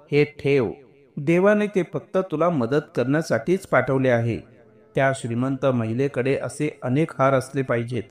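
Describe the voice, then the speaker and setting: A man narrates a heartfelt story at an unhurried, earnest pace. His voice sits in an ordinary mid range, steady and sincere. He lets the emotional moments settle without rushing. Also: mid-range voice.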